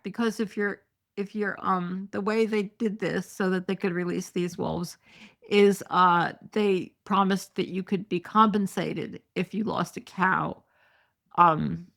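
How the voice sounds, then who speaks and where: This middle-aged woman hosts a solo podcast, reading news articles aloud and tossing in sarcastic, indignant asides. Her medium-pitched voice has vocal fry and a slightly bright quality. She uses many fillers and is losing her voice.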